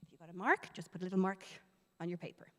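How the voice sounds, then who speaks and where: A woman with an Irish accent, a teacher giving a lively, chatty presentation to parents in a school hall and laughing easily. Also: on the low side, racing. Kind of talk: interactive presentation. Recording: reverberant hall.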